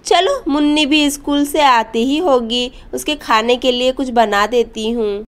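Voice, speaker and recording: A woman voicing a kind young village daughter-in-law in a doll story, gentle and reassuring. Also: high-pitched, measured pace. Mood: caring.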